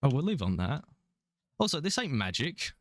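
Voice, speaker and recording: A very animated, medium-pitched male voice moves at a moderate pace. It belongs to a young Englishman in his twenties with a London accent, chatting casually and rambling with chuckles as he streams a game. The recording is dry and studio quality.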